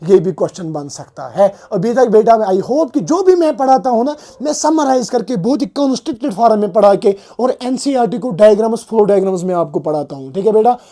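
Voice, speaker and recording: A man's voice: high-pitched, dark tone. A male teacher with a sore throat, giving a lecture recap that repeats terms, quizzes his students and mixes English terms into his Hindi.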